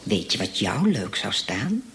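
A man on stage putting on a creepy adult male stranger, speaking in a disguised deep, low and breathy voice, slow and sleazy. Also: wildly swooping pitch, a bit bright, full character voice. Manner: slow, drawn-out, sleazy whispering. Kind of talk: stand-up comedy sketch. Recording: live stage with laughing audience.

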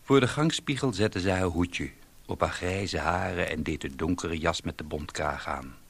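A man reading a story aloud in a slow, deliberate, wry way. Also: low voice, vocal fry. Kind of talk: scripted story narration.

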